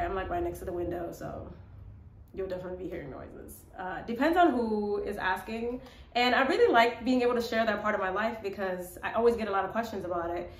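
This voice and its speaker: A young adult woman with a mid-range voice talks casually and reflectively to camera for her personal vlog, with slight background noise in an echoey small room by a window. Born in Ethiopia to South Sudanese parents and raised in Minnesota, United States, she works as a vlogger, model and actress.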